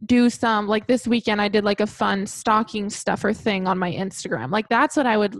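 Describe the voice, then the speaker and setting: Gravelly-voiced chatty woman podcast host. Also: mid-range voice, moderate pace, no echo, studio quality. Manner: chatty, full of fillers and little acted-out asides. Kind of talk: casual chat.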